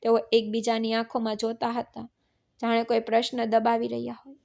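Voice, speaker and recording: A woman narrating a scripted family story in a flat, even reading. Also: fairly high pitch, brisk, creaky.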